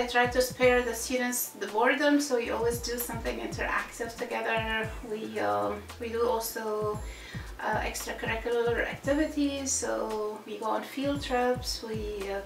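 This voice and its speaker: A middle-aged Egyptian woman who teaches Arabic answers interview questions in a slightly high, creaky voice, hesitant and thoughtful, with many fillers and restarts. She speaks Arabic in an indoor office hung with posters. The recording is roomy and a bit distant, with music playing behind her.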